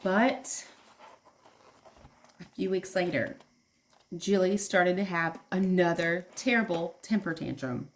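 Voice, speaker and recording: Reading to young children as their teacher, a woman explains in simple terms and stops to ask them questions. Her voice is lowish, she takes her time with frequent pauses, and there's slight hiss or hum.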